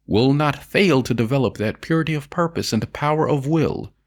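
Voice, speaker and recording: A man with a mid-range, animated voice narrates an audiobook of an old self-help essay. His manner is solemn and deliberate, stressing phrases and drawing out their endings.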